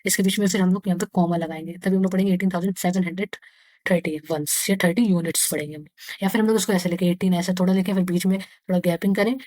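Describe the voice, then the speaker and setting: A woman with an Indian accent teaching maths to young pupils. She reads English textbook lines slowly, then explains them again and counts aloud step by step. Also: lowish voice, dark tone, no echo. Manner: slow, deliberate reading of English textbook lines; explains each line again in Hindi. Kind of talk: casual lesson for young pupils.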